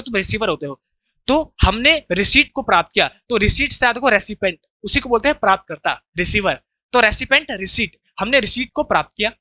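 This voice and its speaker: A man's voice: very high voice, bright, forceful tone, no room sound. A man from India teaching English vocabulary in an online lesson, explaining each word and asking students to repeat after him, with an Indian accent.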